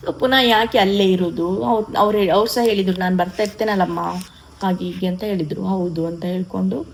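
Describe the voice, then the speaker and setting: A woman's voice: medium pitch, fairly even intonation, brisk, slight background noise, poor audio. Chatty woman. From coastal Karnataka, India. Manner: chatty and emotional, with frequent restarts. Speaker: vlogger. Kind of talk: casual vlog chat.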